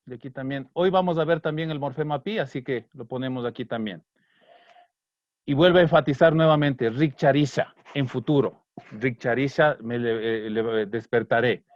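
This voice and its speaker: A man's voice: mid-range voice, animated, dry recording. Patient man teaching Kichwa. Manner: patient, repeats words slowly for pronunciation, many fillers. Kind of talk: online language lesson explaining song lyrics. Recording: dry, slightly dull online class audio.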